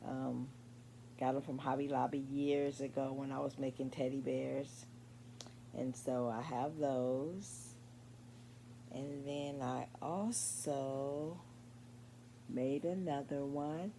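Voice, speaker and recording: Sleepy, gravelly-voiced older woman. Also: extremely low pitch, steady tone, mellow, a little hiss or hum. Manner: slow, meandering, many pauses and ums. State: sleepy, late at night. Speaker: crochet vlogger. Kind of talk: casual show-and-tell vlog.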